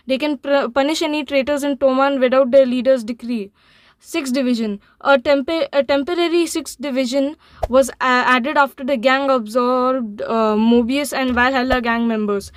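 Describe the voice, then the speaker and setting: A woman hosting an anime channel, reading a scripted manga summary, halting, with frequent fillers and restarts. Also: high voice, dry recording.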